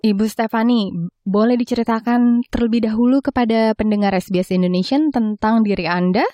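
A woman working as a radio host, speaking clearly and courteously in a presenter's style as she narrates and interviews on a close microphone. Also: a little high, steady tone, fairly quick, warm tone, dry recording, faint music behind.

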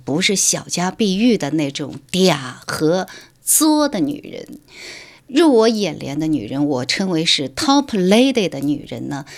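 A woman writer from Shanghai, guest on a radio interview, explaining her views in an articulate, lecturing way. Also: low-pitched.

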